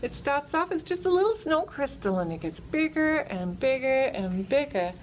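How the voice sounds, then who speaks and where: A woman leads a children's library storytime in a slightly high, sing-song voice. She goes slowly and simply for young listeners, with very lively pitch. A faint noise sits behind her.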